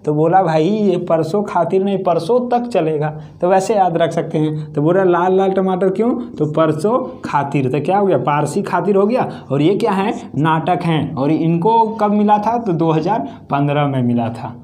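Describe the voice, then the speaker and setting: A man's voice: high voice, moderate pace, few pauses, dark tone. A man teaching an exam-prep lesson, explaining step by step and asking and answering his own questions.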